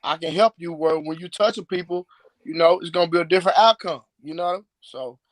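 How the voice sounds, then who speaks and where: A man's voice: a little high, a little fast, no room sound. Man, late thirties, trainer on a live stream, boastful, repeats himself, dry close sound. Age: 30s. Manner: boastful, emphatic, repeats words. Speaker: strength and conditioning coach. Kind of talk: live stream guest talk. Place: live video call.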